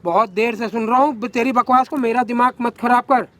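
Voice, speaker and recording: A man's voice: very high voice, brisk, a bit bright, slight background noise. A man playing a bossy, coercive older widower. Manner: domineering, ordering about. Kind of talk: short-film drama acting.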